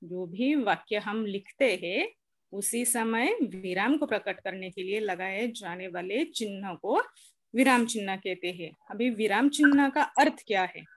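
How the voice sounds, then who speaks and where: A woman schoolteacher giving an online lecture, explaining slowly and repeating each point for her pupils. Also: mid-range voice, expressive. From India. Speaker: school teacher.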